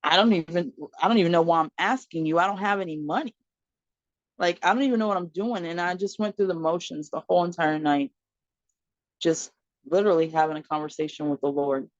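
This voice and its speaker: An animated woman guest telling her own story, jumping into the voices of the people she quotes and laughing along the way. The sound is dull and lo-fi, like remote call audio. The room is dry and close, with no echo. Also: fairly low pitch, a little fast. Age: adult mother of four. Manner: frequent laughter and fillers. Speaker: podcast guest. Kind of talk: personal storytelling in conversation.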